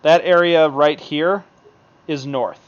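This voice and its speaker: A man's voice: fairly high pitch, steady tone, slow, clean tone. A man narrating a tabletop game as game master, in a loose, improvised way with many fillers. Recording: dull lo-fi mic.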